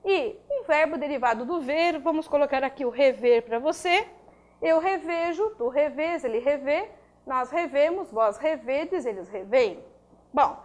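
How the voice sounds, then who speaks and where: A woman teaching a recorded grammar lesson, spelling out rules and checking in with listeners as she goes. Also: sits high. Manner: didactic, checks in with frequent tags.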